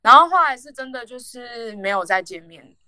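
A woman's voice: fairly high pitch, animated, normal speed, bright, forceful tone, clean tone, dry recording. A young woman, rambling through a casual story on a podcast with many fillers and restarts. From Taiwan. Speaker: podcast co-host.

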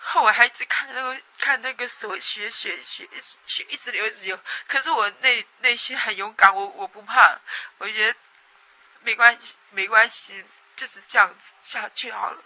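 A young woman from Taiwan, giving a personal testimony in a halting way that repeats words and swings between loud and soft. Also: fairly high pitch. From Taiwan, Atayal people. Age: young adult.

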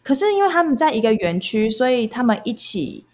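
A woman's voice: a little high, big pitch swings, a little fast, darkish tone. A young woman with a Taiwanese accent, talking casually and candidly as she explains her own experiences. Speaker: guest recounting past jobs. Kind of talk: casual conversational storytelling.

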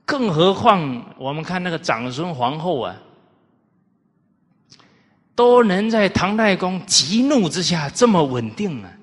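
A man lecturing on the classics, telling historical anecdotes in an animated way and putting rhetorical questions to his listeners. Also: high-pitched, a little slow, long pauses, breathy edge. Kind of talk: storytelling lecture. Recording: reverberant hall.

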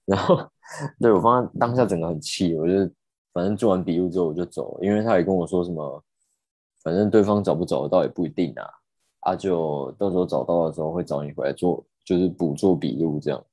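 Brief: young man, low and dark voice, indignant storyteller. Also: a little fast, husky, no room sound. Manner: animated, indignant, swears casually. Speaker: podcast host. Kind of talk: casual storytelling.

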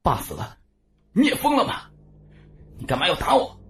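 A man's voice: a little high, huge pitch swings, a little slow, darkish tone, slight background noise, pitched above the performer's own voice. A spoiled, selfish young man, played by a male storyteller in a strained voice pushed well above his own. He sounds a little distant, like a character in an audio storybook. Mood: angry. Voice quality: strained, raised voice.

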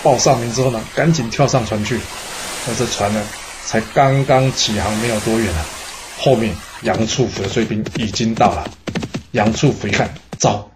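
A male storyteller narrating history in a lively, exclamatory way with many drawn-out particles. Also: lowish voice, a little hiss or hum.

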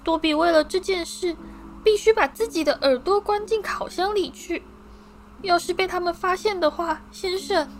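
Dobby, a woman doing a shrill little house-elf. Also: moderate pace, slight background noise. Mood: anxious. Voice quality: high and shrill. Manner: squeaky, overwrought, deferential. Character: small servile excitable male house-elf, tearful.

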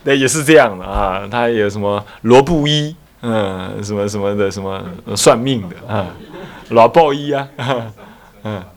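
A man's voice: fairly low pitch, normal speed. A man, a Buddhist abbot giving a dharma talk, telling a story with rhetorical questions and acted-out voices.

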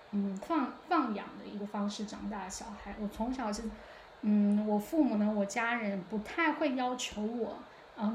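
A woman's voice: mid-range voice, a little hiss or hum. A woman hosting a solo podcast, talking in a chatty, reflective way with lots of hesitations and restarts. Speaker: podcast host. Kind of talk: casual solo podcast monologue. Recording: echoey room.

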